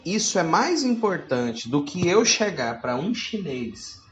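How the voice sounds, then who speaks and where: A man delivers a teaching sermon with an animated, wide-ranging pitch. He reads scripture aloud and keeps turning to his listeners with pointed rhetorical questions. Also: takes it slowly, reverberant, muffled recording, faint music behind. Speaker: preacher.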